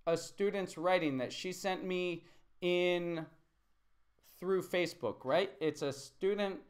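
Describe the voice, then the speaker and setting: A man's voice: sits high, slow. A man teaching English on a live stream, chatty and thinking aloud as he corrects a student's writing at his computer. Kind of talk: live-streamed online lesson.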